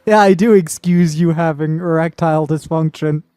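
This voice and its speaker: A woman's voice: deep voice, steady tone, moderate pace, mellow, dry recording. A woman streaming a puzzle game, talking playfully through her moves and swearing casually. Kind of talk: casual live gameplay commentary.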